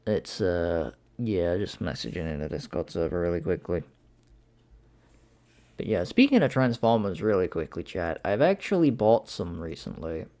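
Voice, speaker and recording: A young man hosts a home livestream of casual commentary, his low, dark voice animated and moderately paced. He reacts conversationally, laughing easily and swearing as he talks.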